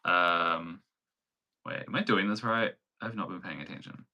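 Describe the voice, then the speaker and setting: A man's voice: deep voice, a little slow, sharp tone, dull audio. A young man with a New Zealand accent, hosting a casual crochet livestream in a chatty, giggly way, full of likes and ums. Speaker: crochet pattern designer and livestream host.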